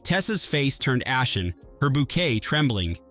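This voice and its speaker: A man telling a first-person story in an even, measured scripted narration. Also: medium pitch, soft background music.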